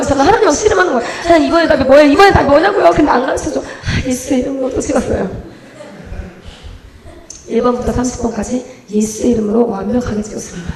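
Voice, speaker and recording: A young woman gives her testimony at a church service, talking quickly and acting out her own prayers and conversations as she goes. Her voice sits high and bright. The sound rings around a reverberant church hall. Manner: animated storytelling, acts out her own prayers and dialogue. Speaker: evangelist giving testimony. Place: church sanctuary.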